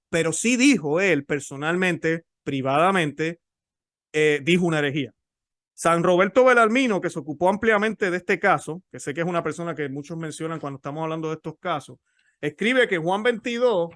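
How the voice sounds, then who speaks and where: A man's voice: high voice, fairly bright tone, no echo, clean studio sound. A man explaining church history in a teaching talk, often repeating and restarting words.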